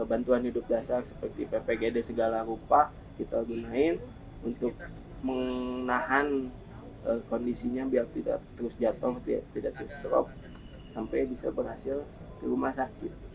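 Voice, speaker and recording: Gravelly-voiced man telling earnest stories. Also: medium pitch, rough recording. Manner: earnest, measured, with many hesitations. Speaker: ambulance driver and relief volunteer. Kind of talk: telling stories in a podcast interview.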